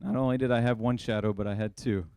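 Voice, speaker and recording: A man's voice: medium pitch, steady tone, quick pace, darkish tone, smooth, dry recording. Earnest young man's heartfelt toast. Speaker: older brother of the groom giving a toast. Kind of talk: wedding toast.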